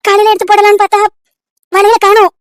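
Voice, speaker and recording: A woman's voice: extremely high pitch, little pitch movement, fast talker, no echo, studio quality. A woman voicing an anxious young cartoon wife. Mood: distressed. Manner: pleading, repeating questions over and over. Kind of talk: cartoon story voice-over.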